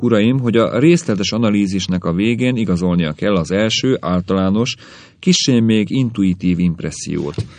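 A man's voice: sits low, darkish tone, no room sound. A man voicing a scornful, bitter middle-aged husband who lectures and sneers, in an audiobook reading.

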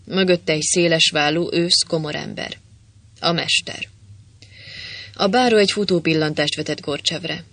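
A man narrates an adventure novel as an audiobook, his voice sitting a little high for a man. He keeps the storytelling brisk. He gives every character a voice of his own. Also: bright, forceful tone.

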